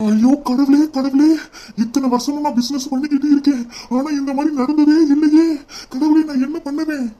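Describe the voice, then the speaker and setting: A man's voice: fairly high pitch, flat delivery, fairly quick, mellow, lightly acted. A man voicing a rich, dramatic older businessman in a cartoon comedy, groaning and lamenting in a Tirunelveli Tamil accent. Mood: panicked.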